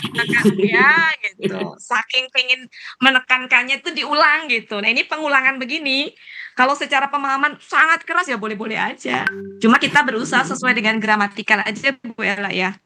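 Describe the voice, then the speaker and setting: A woman teaching a grammar class, guiding her students patiently and repeating phrases slowly. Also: high-pitched, crowd noise.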